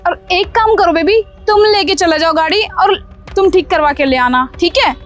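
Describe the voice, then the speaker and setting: A sharp-tongued young wife in a cartoon story, voiced by a woman, scolding and brushing off every request. Her voice sits very high, and soft music hums in the background. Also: moderate pace. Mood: bossy. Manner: scolding, dismissive, full of excuses. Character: scheming young wife, bossy and evasive. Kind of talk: Hindi cartoon story dubbing.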